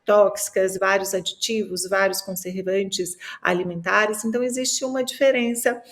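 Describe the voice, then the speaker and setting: A woman's voice: mid-range voice, fairly even intonation, normal speed. Brazilian woman explaining nutrition casually. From Minas Gerais, Brazil. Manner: explanatory, many fillers and tag questions. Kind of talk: casual podcast conversation.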